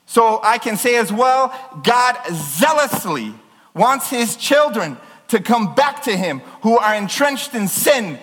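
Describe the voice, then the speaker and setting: A man preaching a sermon as a pastor, impassioned and emphatic, loud enough that he apologizes for sounding like he is yelling. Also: extremely high pitch, sing-song, takes it slowly, long reverb tail, soft background music.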